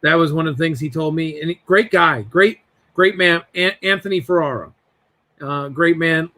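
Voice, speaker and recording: A man in his forties telling family stories as a podcast guest, animated and doing voices as he goes, over a video call. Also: on the high side, normal speed. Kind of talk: casual storytelling.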